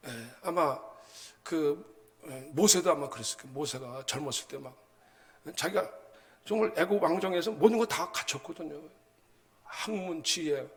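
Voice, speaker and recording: A male pastor preaching a sermon in a colloquial, animated way, often prompting the congregation with short asides and acting out everyday stories. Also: fairly high pitch. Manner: acts out everyday anecdotes with sound words.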